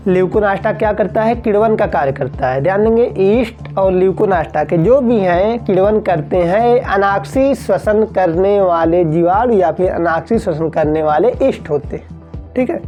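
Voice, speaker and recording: Mellow-voiced woman teaching a science quiz. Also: mid-range voice, highs cut off. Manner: repeats key terms and asks the class questions, fills pauses with "theek hai". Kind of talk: exam-prep lesson going through multiple-choice questions.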